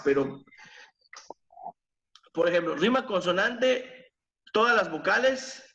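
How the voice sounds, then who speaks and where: A man with a somewhat high voice gives a slow, patient online lesson, stopping to correct himself and filling gaps with hesitations. The sound carries the echo of a bare room. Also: pushed and bright. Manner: slow, explanatory, counting syllables aloud with fillers and self-corrections. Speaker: teacher. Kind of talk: online class lecture. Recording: echoey room.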